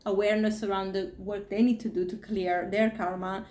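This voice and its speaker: A woman's voice: medium pitch, little pitch movement, moderate pace, a little mellow. A woman in her forties speaks as a podcast host and spiritual coach in a casual, heartfelt way. She talks with animation and emotion, often voicing her own inner thoughts aloud. Her voice sits in a middle register and rings in a reverberant room. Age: 40s.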